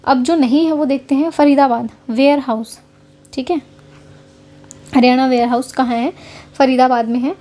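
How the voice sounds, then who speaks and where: Her voice sits high and warm, with fairly even intonation, a normal pace, and frequent pauses. She is a woman from Haryana, India, running an online exam-prep class as a casual, conversational lecture over slides and checking in often with her audience.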